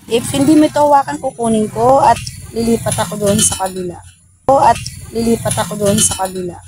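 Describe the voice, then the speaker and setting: A woman, a paranormal investigator vlogger, softly coaxing and pleading with spirits outdoors at night. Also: fairly high pitch, steady tone, brisk, noisy background. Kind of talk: casual ghost-hunting vlog. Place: outdoors at a bus depot at night.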